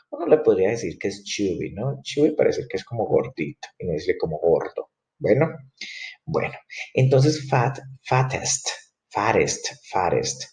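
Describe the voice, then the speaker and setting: A male English teacher with a mellow, warm voice walks students through grammar rules. He is animated and repeats each word, spelling it out and slowing down for the examples. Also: lowish voice. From Colombia.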